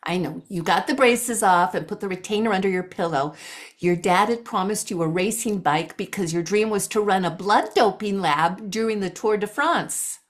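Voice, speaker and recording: A woman's voice: medium pitch, moderate pace, lightly acted. Lady playing a nosy tooth fairy, chatty gossipy improv bit, normal middle voice. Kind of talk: improvised comic scene reading. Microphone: video call.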